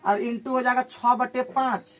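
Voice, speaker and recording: A man teaching a maths class, firing questions at his students and working sums out loud. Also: very high-pitched, fairly even intonation. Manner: drills students with rapid questions while calculating aloud. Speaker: maths tutor.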